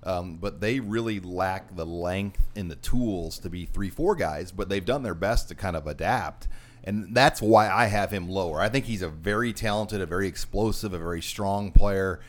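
A man's voice: deep voice, moderate pace. An American man hosting a sports talk show, counting down a ranked list of players in conversation.

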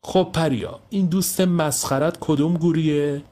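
A man's voice: a little high, steady tone, voice pushed up, close to an everyday voice. A man voicing a bossy, rude boy who acts as the leader of the group and barks orders with scorn. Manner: loud, scornful, bossing others.

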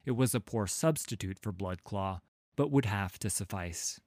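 Male audiobook narrator, low, unhurried dramatic delivery, dry studio sound. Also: a little mellow, dry recording. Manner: measured, dramatic storytelling. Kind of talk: scripted fantasy narration.

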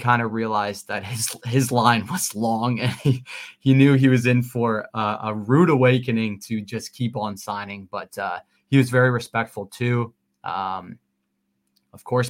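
A young man co-hosting a podcast, telling a story in an excited, rambling way with lots of fillers. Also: lowish voice. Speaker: podcast co-host. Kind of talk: casual storytelling.

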